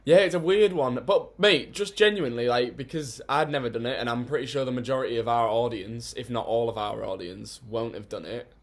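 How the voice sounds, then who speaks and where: A man's voice: medium pitch, brisk, few pauses. A young man, co-hosting a podcast and telling a story in casual, teasing chat. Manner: chatty storyteller, excitable, teasing. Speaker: podcast co-host.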